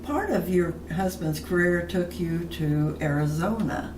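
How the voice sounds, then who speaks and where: A woman's voice: fairly low pitch, unhurried. An older woman interviewing a neighbor at her retirement community, asking friendly prompting questions. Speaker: interviewer, fellow resident. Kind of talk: oral history interview. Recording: roomy, distant mic with background noise.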